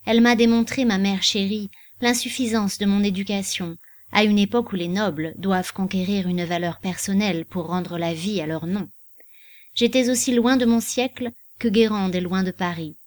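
A woman's voice: mid-range voice, steady tone, moderate pace, dry recording, studio quality, natural voice. A woman reading the part of an earnest, passionate young male nobleman in an audiobook.

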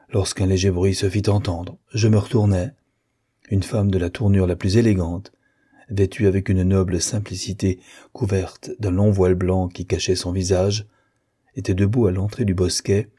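A man reading a classic novel aloud as an audiobook, in a measured and expressive way. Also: sits low, slightly rough. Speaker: audiobook reader. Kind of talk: scripted narration of a classic novel.

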